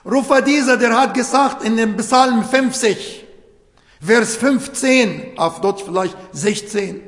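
The preacher's very high, slightly bright voice moves slowly as he gives an earnest, emphatic sermon in German, slipping on grammar since Arabic is his first language. The recording comes from an echoey hall with long reverb.

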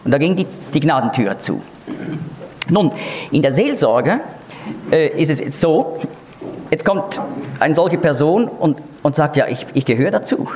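Male Bible teacher, lively and emphatic, slightly high voice, faint noise behind. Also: a little slow, long pauses. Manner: emphatic, explanatory, with sudden rises on key words.

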